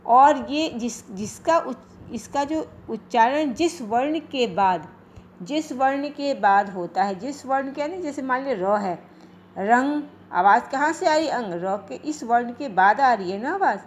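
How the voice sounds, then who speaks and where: Slow, questioning woman teacher. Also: a little high, expressive, a little hiss or hum. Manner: slow, repetitive questioning, answers her own questions. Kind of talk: Hindi grammar lesson.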